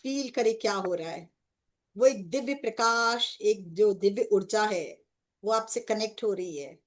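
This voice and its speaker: A woman's voice: medium pitch, measured pace. A woman guiding a group meditation in a devotional tone, with English words mixed into her speech. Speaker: meditation guide. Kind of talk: guided meditation.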